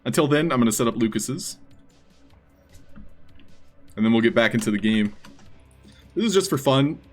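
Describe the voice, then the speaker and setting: A man's voice: medium pitch, lively intonation, normal speed, faint music behind. A man hosting a live stream, chatting casually with his viewers.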